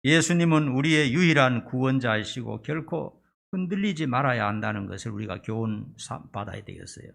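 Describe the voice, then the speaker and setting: A man's voice: mid-range voice, expressive, fairly quick, gravelly, a bit bright. A middle-aged man preaching a sermon as pastor, retelling the story dramatically. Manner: dramatic storytelling, acting out scenes.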